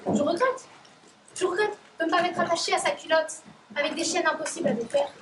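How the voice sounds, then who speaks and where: A woman's voice: extremely high pitch, fairly quick, noisy background. A teenage girl acting in a school stage play as a bitter, heartbroken young working woman, recorded from far off in an echoey hall. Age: teens. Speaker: high school stage actor.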